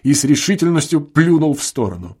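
A man reading classic prose aloud as an audiobook narrator, in an expressive, theatrical way. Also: fairly high pitch, fairly quick, husky.

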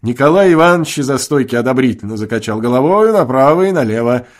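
A man reading classic prose aloud as an audiobook narrator, in an expressive, theatrical way. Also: mid-range voice, quick pace.

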